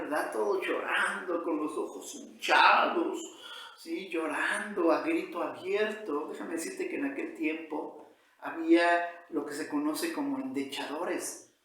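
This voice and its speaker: A pastor preaching a sermon with emphatic, drawn-out phrasing and frequent tag questions. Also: male voice, high-pitched, fairly bright tone. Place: church. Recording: echoey church hall.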